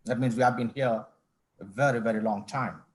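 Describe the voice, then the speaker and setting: A middle-aged man from Kerala, a company managing director speaking as a guest in an online panel interview, measured and formal with frequent restarts. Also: medium pitch, steady tone. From India, Kerala. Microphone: video call.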